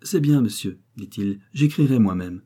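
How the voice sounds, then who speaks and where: A cautious, crafty old peasant miller drawls out his words, as a male reader voices him. His voice sits low and husky in this spoken storybook. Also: expressive, moderate pace, mellow. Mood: guarded. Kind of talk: audiobook character voice.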